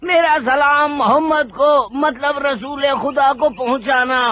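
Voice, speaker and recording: Brief: fretful old villager, slow and very high, dull lo-fi sound. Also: male voice, pushed and bright, no echo, full character voice. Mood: rambling. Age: older. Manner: fussy, rambling, fretful. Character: frail, kindly old man with a donkey. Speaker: voice actor in a film dub. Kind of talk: dubbed film acting.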